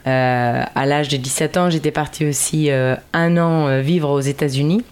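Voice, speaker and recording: A woman's voice: deep voice, fairly even intonation, moderate pace, a little mellow, clear, resonant tone. A woman in her late thirties speaks French with a light German accent. She is a guest on a radio show. She wanders from point to point, stopping often on long fillers. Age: 30s. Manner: rambling, hesitant, many fillers. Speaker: guest singer. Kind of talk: radio interview.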